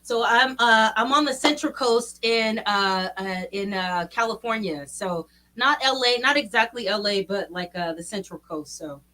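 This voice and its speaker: A woman from Baton Rouge, an R&B singer chatting as a guest in a relaxed way with many fillers. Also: medium pitch, normal speed, few pauses. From Baton Rouge, Louisiana. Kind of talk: casual interview chat.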